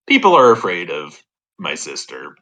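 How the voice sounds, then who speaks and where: A man playing a tabletop role-playing game in casual chat, halting and thinking aloud as he goes. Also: deep voice, bright, forceful tone. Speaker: tabletop RPG player.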